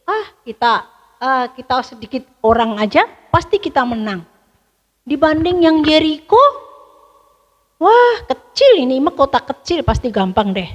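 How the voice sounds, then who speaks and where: A woman's voice: high-pitched, very animated, a little slow, in a large hall, lo-fi sound, exaggerated voice. A woman voicing an eager male scout who talks breezily and boastfully. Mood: confident.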